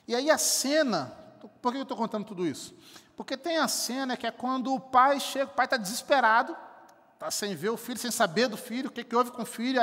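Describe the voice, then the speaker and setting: High-voiced Brazilian pastor in reverberant church. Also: male voice, fairly bright tone. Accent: Brazilian Portuguese. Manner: storytelling, emphatic, rising to fervent peaks. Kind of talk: sermon. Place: church sanctuary.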